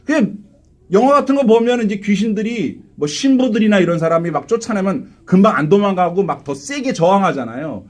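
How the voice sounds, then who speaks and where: A man's voice: sits high, fairly quick. A male pastor preaching a live Sunday sermon in a church, asking the congregation questions and acting out the quotes he tells. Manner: animated, asks the congregation rhetorical questions, acts out quotes. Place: church sanctuary.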